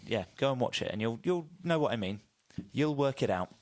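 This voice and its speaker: A man's voice: mid-range voice, expressive, a little fast, darkish tone. A man hosting a casual podcast, reading out film news in a chatty, hesitant way with many fillers. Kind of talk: casual chat.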